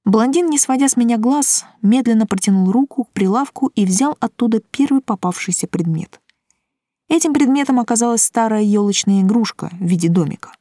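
A woman reading a first-person audiobook in a calm, dry, wry manner. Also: a little high, fairly quick, dry recording. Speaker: audiobook narrator.

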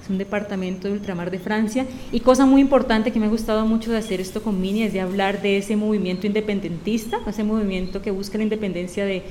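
A woman's voice: medium pitch, fairly even intonation, fast, few pauses, roomy sound, a little hiss or hum. A woman hosting a live radio program, greeting listeners and summing up the conversation. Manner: warm greetings, reads listener messages. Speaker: radio host.

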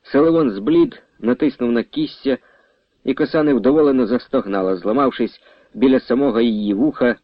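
A man narrating a novel in an even, measured storytelling voice. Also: mid-range voice, no room sound, dull audio.

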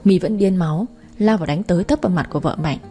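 A woman narrates a read-aloud story in a measured storytelling manner. Her voice sits low and sounds dark and mellow. Faint music runs softly behind her.

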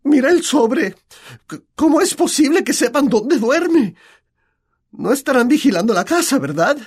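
A frightened, fretful aunt with a trembling, shrill voice, as a male narrator with a Latin American Spanish accent puts her on. The pitch sits far above his own and swings widely. It sounds like a storybook housewife on the edge of panic. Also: big pitch swings, measured pace, breathy edge, heavily acted. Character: nervous, shrill middle-aged aunt. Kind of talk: audiobook character voice.

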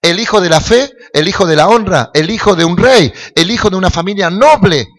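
Un pastor argentino con acento rioplatense que predica un sermón, hace preguntas al público y sube a gritos en las exhortaciones. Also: male voice, high voice, expressive, a little fast. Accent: Rioplatense Spanish. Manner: preaching with rising, shouting calls to the congregation; jokes and asks the crowd questions. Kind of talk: sermon.

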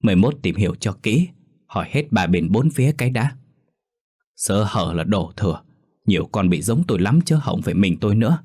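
A man's voice: on the low side, expressive, fairly quick, darkish tone, husky, no echo, clean studio sound. A man voicing the resigned, sorrowful ghost of a dead mother in a ghost story. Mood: defensive. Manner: weary, resigned.

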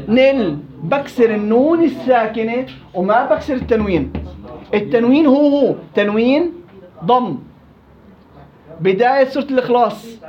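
A man teaching Quran recitation rules, quizzing his students and repeating words slowly. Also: very high-pitched, muffled recording. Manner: quizzing students, drawn-out slow repetitions. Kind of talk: interactive tajweed class.

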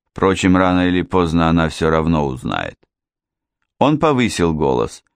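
A man narrating a classic detective audiobook in a measured, even reading. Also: sits low, dry recording. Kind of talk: scripted narration.

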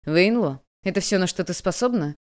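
A woman voicing a young male eunuch who speaks calmly, coldly and mockingly. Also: lowish voice, normal speed, close to an everyday voice. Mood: cold taunting. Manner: calm, cold, taunting.

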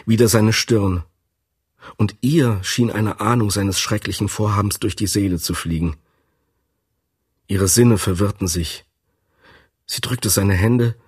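Low, husky-voiced man narrating a classic novel. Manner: expressive dramatic reading. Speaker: audiobook narrator. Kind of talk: scripted literary narration.

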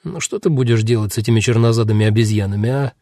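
A man's voice: fairly low pitch, racing, mellow, dry recording, studio quality, lightly acted. A man voicing a crude, swaggering male prisoner who mocks everyone in coarse slang. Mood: mocking.

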